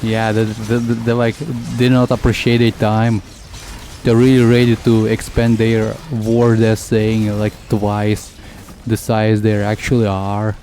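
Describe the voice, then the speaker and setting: A young man chats loosely over his gameplay, stopping and restarting his thoughts. His voice sits low and soft-edged. A faint hiss runs under it. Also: monotone. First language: Russian. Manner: rambling, halting, heavy with fillers. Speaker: streamer. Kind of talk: casual gameplay commentary.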